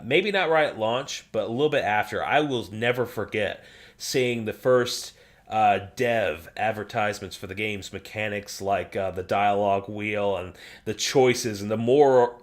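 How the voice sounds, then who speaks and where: A man co-hosting a casual gaming podcast, excitable, swearing freely and laughing often. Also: lowish voice. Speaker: podcast co-host.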